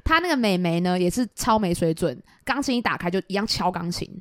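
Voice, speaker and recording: A young woman from Taiwan with a Taiwanese Mandarin accent, co-hosting a podcast and telling stories in a casual chat, acting out the people she quotes in lively voices. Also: lowish voice, quick pace, dry recording, studio quality. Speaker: podcast co-host.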